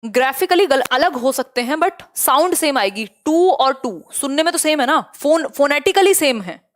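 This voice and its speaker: A lively young woman teaching an online exam-prep lesson. Her voice sits a little high. She mixes English terms into her explanations and keeps checking whether her students have understood. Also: measured pace. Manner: lively, asks students many check questions.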